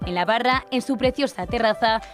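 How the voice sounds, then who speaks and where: A woman's voice: fairly high pitch, a little fast, over music. A woman announcer reading a scripted radio advertisement.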